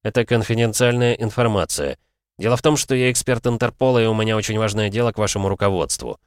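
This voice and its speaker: A man voicing a calm, self-possessed male Interpol expert in an audiobook, measured and explaining. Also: lowish voice, no echo, clean studio sound, pitched above the performer's own voice, natural voice.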